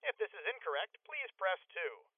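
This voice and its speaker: A man's voice: high voice, sing-song, moderate pace, breathy edge, no room sound, phone-quality sound, exaggerated voice. A man playing a blandly polite automated government phone menu voice, with formal, stilted prompts in a scripted comedy parody.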